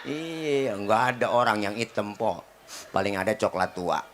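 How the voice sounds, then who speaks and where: A man's voice: lowish voice, a little slow. A male preacher with a Betawi accent delivering a comic sermon to a live gathering. He jokes, teases the listeners and bounces between slang and Arabic verses, with faint noise and the crowd's laughter behind him. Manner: joking, teasing the audience, lively Betawi slang. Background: audience laughter.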